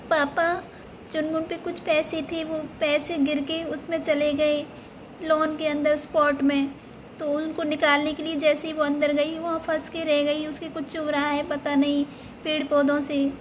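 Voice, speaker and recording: A woman's voice: sits high, flat delivery, unhurried, a little hiss or hum, low-quality recording. A woman voicing a bossy older sister doll who scolds and hurries the little one, in a doll-play story. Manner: scolding, impatient.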